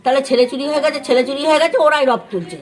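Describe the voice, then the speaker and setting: Talking very fast in a high, animated voice, a West Bengali woman recounts what she witnessed to a news crew in an impromptu interview. She's a neighbour with a West Bengali accent who rambles, restarts often, uses lots of fillers and acts out other people's words.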